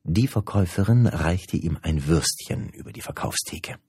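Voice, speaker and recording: A man narrating a children's audiobook in a lively, expressive way. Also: sits low, normal speed, slightly rough, dry recording, studio quality.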